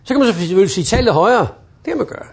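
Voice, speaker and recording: A man teaching customer service on the phone, acting out little phone dialogues in quick voices. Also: sits high, lively intonation, gravelly. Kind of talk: lively training talk.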